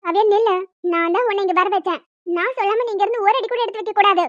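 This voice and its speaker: A woman speaks fast in a very high voice, playing a bossy, pregnant young woman in a cartoon who firmly tries to persuade others. The lo-fi recording is dull and dry, with no room sound at all.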